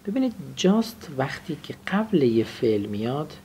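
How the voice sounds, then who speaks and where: Man teaching a lively vocabulary class. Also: a little high, slight background noise. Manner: explains grammar and drills students to repeat phrases. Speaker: English teacher.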